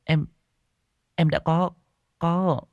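A man's voice: level tone, very slow, no echo, highs cut off. Kim, a frightened young woman, voiced by a man. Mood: flustered. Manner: high, breathless stammering pleas. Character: young woman student, terrified, tearful, pleading.

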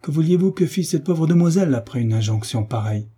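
A man's voice: on the high side, lively intonation, fast talker, warm tone, husky, pitched above the performer's own voice. A man reading a proud, ambitious nobleman in a French audiobook, with formal, tense politeness. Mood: stiffly polite.

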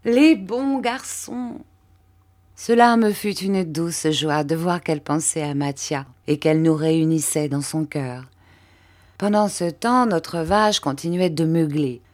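A woman narrating a classic French novel as an audiobook, in a measured storytelling manner. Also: deep voice, darkish tone. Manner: measured storytelling, lifting her voice for quoted characters. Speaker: audiobook reader.

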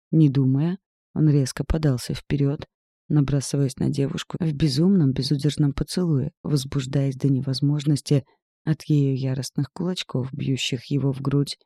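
A man narrating a romance novel audiobook in a steady, measured reading. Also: medium pitch, gravelly, husky, dry recording, clean studio sound.

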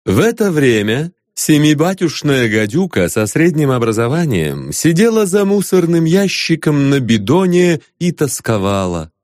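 A man narrating a satirical novel aloud in an expressive storytelling manner. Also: on the high side, measured pace, hardly any pauses, no echo, clean studio sound. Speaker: audiobook narrator.

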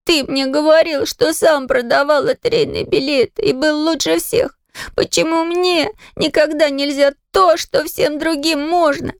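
A woman reading aloud voices a little schoolboy who is crying and pleading in a whiny, drawn-out way. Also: high-pitched, steady tone, dry recording, clean studio sound, voice pushed up. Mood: tearful.

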